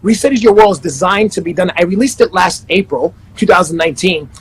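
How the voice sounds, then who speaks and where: Poor audio captures a high-pitched, slightly rough man's voice moving fairly quickly. He's a thirtysomething life coach with roots in Panama and the Netherlands, cheerfully self-promoting over a video call with many restarts in a casual interview chat.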